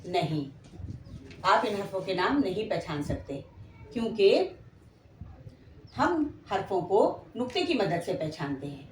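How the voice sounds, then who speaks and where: A very animated woman with a medium-pitched voice and a Pakistani Urdu accent takes her time, pausing often, as she patiently draws out Quranic letter names for beginners to repeat in a slow spelling lesson. The echoey room carries faint ambience and a little hiss or hum.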